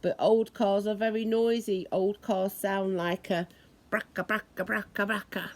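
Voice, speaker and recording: A woman with a mid-range voice reads a children's story aloud, taking it deliberately and expressively acting out the sounds it describes.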